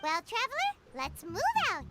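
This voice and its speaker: A woman voicing a tiny floating female companion in a video game, bright, sing-song and cheeky. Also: very high-pitched, huge pitch swings, normal speed, very noisy, heavily acted. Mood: encouraging. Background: game music.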